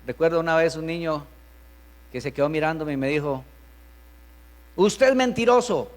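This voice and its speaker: High-voiced male pastor in a reverberant hall. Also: fairly even intonation, a little fast. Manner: conversational preaching, acts out parents' lines. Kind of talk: sermon. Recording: reverberant hall with mains hum.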